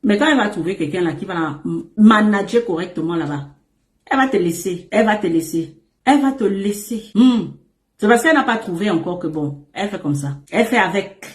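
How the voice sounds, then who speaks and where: A woman's voice: medium pitch, brisk. Woman, relationship coach, casual advice monologue; emphatic, repetitive, playful; echoey room sound. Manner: emphatic and repetitive, calls listeners "my emperor"; animated and playful, with asides and laughs.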